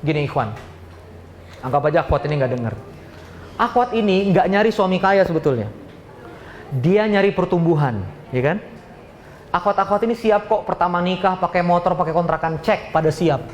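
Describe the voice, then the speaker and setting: Animated man lecturing on business. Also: high-pitched, moderate pace, pauses often, reverberant, slight background noise. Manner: animated, acts out dialogues, asks the audience questions. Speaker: business speaker.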